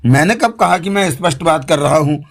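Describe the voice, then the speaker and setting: A man voicing a raspy masculine spirit who speaks through a woman's lips, evasive and measured, in an audiobook. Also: a little high, animated.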